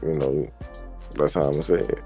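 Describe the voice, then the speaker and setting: A man's voice: very deep voice, steady tone, brisk, mellow, faint music behind. A man with a New Orleans accent, chatting as a guest in a laid-back, easygoing way and often repeating himself. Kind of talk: casual chat.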